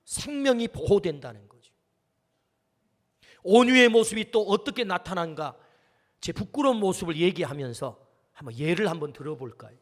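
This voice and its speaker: A man's voice: sits high, animated, moderate pace, pauses often, long reverb tail. A male pastor giving an earnest storytelling sermon, acting out the quotes in it. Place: church sanctuary.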